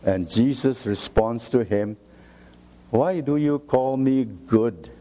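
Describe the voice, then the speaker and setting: A man preaching a sermon, slow and emphatic, repeating key phrases for weight. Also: medium pitch, warm tone.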